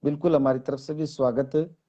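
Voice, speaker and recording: A man who is a Hindi lecturer, explaining grammar to exam students slowly and deliberately, spelling out word lists one by one. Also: mid-range voice, steady tone, lo-fi sound, a crowd in the background.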